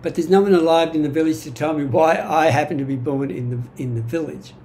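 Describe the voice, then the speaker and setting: An Australian-accented man in his 70s, born in Greece and raised in Australia, shares his personal history as a vlogger in a reflective monologue read from notes. His fairly high voice is soft-edged and mellow, and he speaks haltingly, often correcting himself. Some background noise can be heard in the small room at home where he records.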